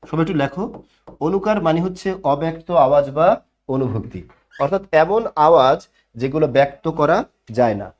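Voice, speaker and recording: A man's voice: fairly high pitch, animated, a little fast. A man teaching an online class, explaining grammar and answering his own questions. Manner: explanatory, asks questions and answers them himself.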